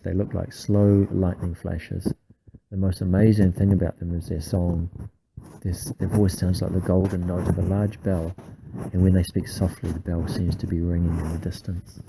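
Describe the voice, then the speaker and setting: A man reading a bedtime story aloud in an unhurried, hushed storytelling manner. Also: sits low, creaky, noisy background. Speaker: reader.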